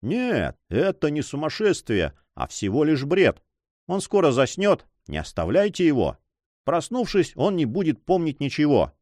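A calm, reassuring ship's doctor gives instructions in an audiobook story, voiced by a male reader. His pitch moves in lively swings. The recording is dry and close. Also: normal speed, no echo.

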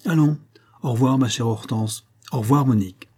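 A man's voice: medium pitch, moderate pace, a little mellow, breathy edge, natural voice. A man voicing an easygoing, slightly patronizing husband in a storybook reading. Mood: breezy. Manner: breezy, a little protective.

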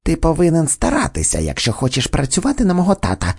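A man's voice: on the high side, huge pitch swings, fast, husky, heavily acted. A man voicing a spoiled, freckled fat boy who sneers at an actor in an audiobook. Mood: sulky. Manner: sulky, scornful complaints.

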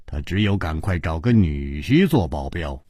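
A man storyteller voicing a calm, dry-witted companion who teases in a low, quiet, unhurried voice, in a traditional storytelling style. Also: husky, dry recording, heavily acted. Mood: cool.

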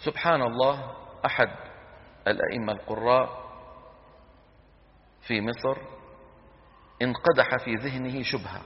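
A middle-aged man teaching Quran recitation to a class, firing questions at the students and demonstrating sounds aloud. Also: mid-range voice. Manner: asks students quick questions and answers them himself, demonstrating sounds aloud. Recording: dull lecture hall recording with long reverb.

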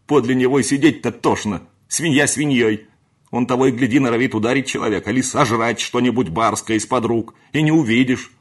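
A man's voice: lowish voice, lightly acted. A man voicing a furious scolding housemaid. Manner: angry, scornful, shouting. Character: sharp-tongued scolding housemaid woman. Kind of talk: audiobook character voice.

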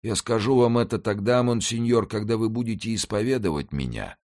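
Guy doing a higher, pleading old beggar, humble and tormented, audiobook. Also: lively intonation, fairly quick, darkish tone, lightly acted. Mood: hushed.

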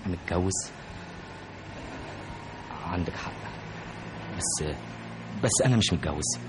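An actor playing a young doctor who pleads softly with the woman he loves, in an old radio drama. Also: sits low, lively intonation, slow pace. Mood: pleading. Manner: soft, pleading, insistent. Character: young doctor, secretly engaged, pleading lover. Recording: noisy old radio drama with car sounds.

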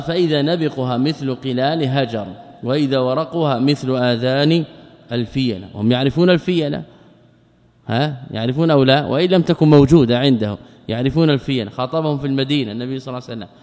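A man's voice: medium pitch, a little mellow, big-room sound. A man, a sheikh, explaining a creed text in a lesson and often putting rhetorical questions to his students.

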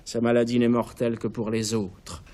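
A man's voice: mid-range voice, steady tone, moderate pace, warm tone, lightly acted. Male reader as a sardonic, uneasy patrician, clipped and dry. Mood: grim. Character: nervous, bitter male patrician. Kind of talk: author reading his play aloud.

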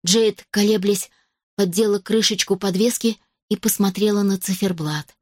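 A woman reading a novel aloud as an audiobook narrator, in an even, measured way. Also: medium pitch, slightly rough, dry recording, studio quality. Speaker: audiobook reader. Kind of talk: scripted narration.

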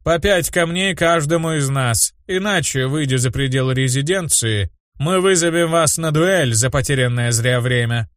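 A man voicing arrogant, greedy male mages who taunt students with a slow, mocking drawl. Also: a little high, a bit bright, no echo, clean studio sound, voice pushed up, lightly acted. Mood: sneering. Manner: slow, drawn-out, mocking delivery.

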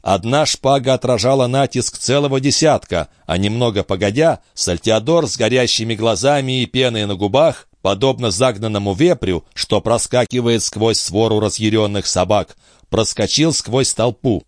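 A man narrating an adventure novel as an audiobook, in a dramatic, expressive reading. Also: lowish voice, normal speed, dry recording, clean studio sound.

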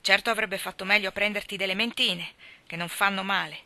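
A woman voicing a stern, no-nonsense older woman who brings up a child, speaking in a brisk, firm, scolding way. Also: mid-range voice, fairly even intonation, sharp tone, dry recording.

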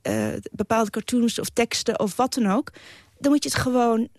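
A woman's voice: fairly high pitch, wildly swooping pitch, moderate pace, a little mellow, dry recording, clean studio sound. A woman writer as a guest on a radio talk show, talking earnestly and with emphasis, often restarting her sentences.

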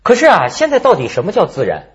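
A man's voice: high-pitched, huge pitch swings, fast talker, slightly rough. A man hosting a casual panel discussion, talking colloquially and thinking aloud through questions. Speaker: talk show host.

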